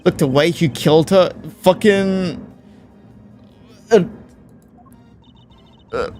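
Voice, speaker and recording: A man's voice: sits high, slow, a little mellow. A young man giving casual, blunt gameplay commentary, swearing freely as he reacts. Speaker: streamer. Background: faint background music.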